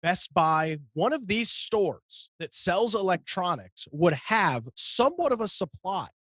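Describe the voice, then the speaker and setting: A man's voice: sits high, very animated, a little slow, fairly bright tone, no echo. American man, close and dry sound. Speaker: co-host of a computer talk show. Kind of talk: casual anecdotal talk.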